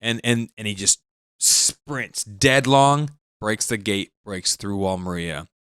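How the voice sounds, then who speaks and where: Low-voiced earnest man on a podcast. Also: fairly even intonation, slow pace, a bit bright, clear, resonant tone, dry recording, clean studio sound. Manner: earnest, dramatic retelling of scenes. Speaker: podcast co-host. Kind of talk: casual chat recapping an anime episode.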